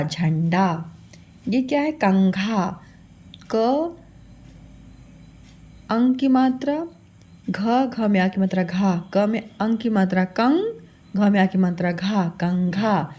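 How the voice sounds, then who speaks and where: A woman's voice: medium pitch, takes it slowly, pauses often, a little mellow. A woman teaching children a phonics lesson, patiently sounding out each syllable and calling her pupils "beta".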